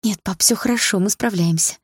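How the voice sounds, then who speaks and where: A woman's voice: medium pitch, a little fast, husky, no room sound, clean studio sound, close to an everyday voice. A woman reading a young woman who plaintively begs her dead father to return in a dream, in an audiobook. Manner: shy, plaintive.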